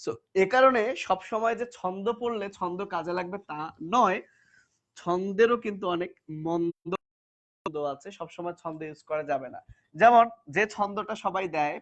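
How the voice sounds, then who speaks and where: A man's voice: sits high, fairly bright tone, dull audio. A male biology teacher giving a classroom lecture, repeating terms again and again for students to chant back and addressing them directly.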